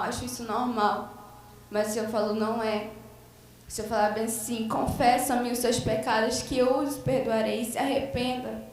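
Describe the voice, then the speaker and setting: A Brazilian woman with a Brazilian Portuguese accent giving a fervent church testimony, retelling a vision full of quoted lines. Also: a little high. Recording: very echoey church, voice far from the mic.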